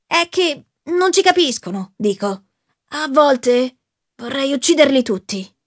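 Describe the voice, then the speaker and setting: Woman reading sulky young man, bitter, brooding, slightly high voice. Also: animated, a little slow. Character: brooding young male would-be actor, resentful. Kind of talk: audiobook reading.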